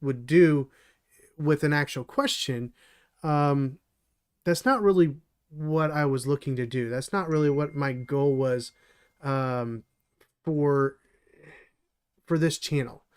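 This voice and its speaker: Middle-aged male host, slightly high voice, earnest rambling mentor talk, dry throat. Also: slow pace, long pauses, clean tone. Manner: earnest and rambling, many restarts and fillers. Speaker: channel host and developer mentor. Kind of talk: solo live stream talk.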